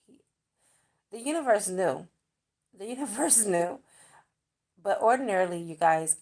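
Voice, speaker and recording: A woman's voice: low voice, vocal fry, breathy edge. A woman vlogger chatting to her viewers in a gushing, spiritual way. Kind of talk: casual storytelling to viewers.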